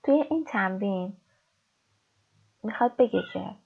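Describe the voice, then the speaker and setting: A woman teaching English in a recorded lesson, explaining step by step and reading example sentences slowly. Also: medium pitch, lively intonation, creaky, husky. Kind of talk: recorded online language lesson. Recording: dull lo-fi recording.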